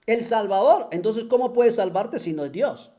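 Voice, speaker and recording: An online religion critic delivers a mocking monologue, repeatedly firing off taunting rhetorical questions punctuated by scornful chuckles. The voice is mid-range, mellow, and animated at a normal speed.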